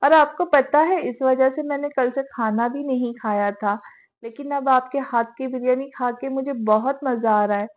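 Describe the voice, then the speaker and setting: A woman reading the lines of a lively, naughty young woman who chatters and complains. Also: high voice, normal speed, natural voice. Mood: chatty.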